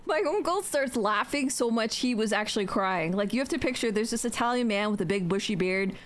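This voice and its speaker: A woman's voice: on the high side, animated, a little fast. A young adult woman streamer chatting casually while building in a game, joking, swearing freely and talking to herself.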